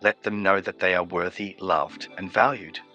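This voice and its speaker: Low-voiced, calm male meditation guide. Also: dull audio, soft background music. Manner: slow, soothing, evenly paced instructions.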